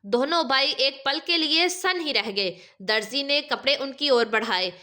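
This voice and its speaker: A woman's voice: high voice, expressive, sharp tone. A woman narrating a religious story in an emotive, dramatic way.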